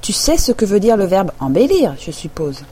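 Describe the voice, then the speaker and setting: The Griffon: bossy, scolding male beast, high and loud, woman voicing. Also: big pitch swings, moderate pace, a little hiss or hum, close to an everyday voice. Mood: scornful. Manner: brusque, scolding.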